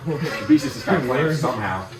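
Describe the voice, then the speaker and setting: A man's voice: medium pitch, animated, brisk. A man co-hosting a casual reaction chat, playful and boastful in his banter. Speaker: co-host. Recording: echoey room, distant mic, music behind.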